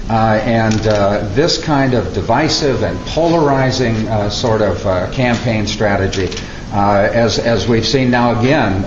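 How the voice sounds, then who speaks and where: A man running for office, answering reporters in an earnest, measured, halting way. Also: medium pitch. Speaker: political candidate. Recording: echoey, muffled, noisy room.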